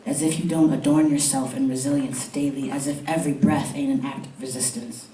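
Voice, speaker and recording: A man's voice: on the high side, flat delivery, fairly quick, warm tone. A man performing spoken-word poetry with rhythmic, emphatic repetition, chatting loosely between poems. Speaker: poet. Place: college event room. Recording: echoey room, distant mic, faint hiss.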